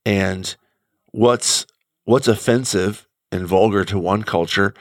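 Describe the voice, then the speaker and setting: Deep-voiced man talking thoughtfully. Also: fairly even intonation, takes it slowly, no echo, studio quality. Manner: thoughtful, searching, many restarts. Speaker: guest commentator. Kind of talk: conversational radio talk.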